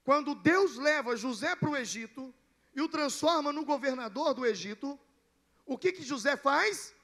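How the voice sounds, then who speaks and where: Pastor guy preaching, really high voice with lots of gravel, storyteller who hits big punchy lines. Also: lively intonation, moderate pace, fairly bright tone. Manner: storytelling preacher, building to emphatic declarations. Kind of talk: sermon.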